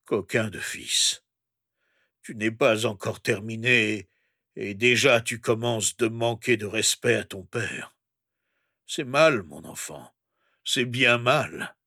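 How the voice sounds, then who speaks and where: A man's voice: mid-range voice, animated, takes it slowly, a bit bright, dry recording, clean studio sound. A man voicing a male woodcarver who scolds and pleads with his wooden puppet son, in a storybook reading. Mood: sorrowful. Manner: scolding and plaintive in turns. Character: male woodcarver father, stern yet tender.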